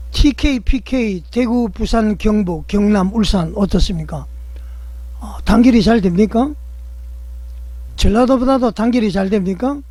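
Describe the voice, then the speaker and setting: Man, very high voice, dark mellow tone, dry sound, rhetorical political commentary. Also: dry recording. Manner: rhetorical, keeps asking the audience questions; repeats a stretched filler between phrases.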